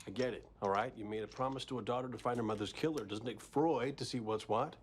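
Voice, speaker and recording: A man with a medium-pitched voice talks fast, acting lightly as a glib, teasing novelist who tags along with the police in a crime drama. His banter is wry and playful, and music plays behind the TV dialogue.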